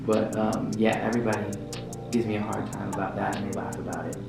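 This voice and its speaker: A young man in his twenties chats openly through a casual vlog Q&A, loose and full of fillers. His voice sits a little low and sounds set back from the mic in a roomy, echoing space. Guitar music plays clearly behind him. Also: level tone, fast. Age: 20s. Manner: chatty and open, loose filler-heavy talk. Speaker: vlogger. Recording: roomy echo from a distance, with music.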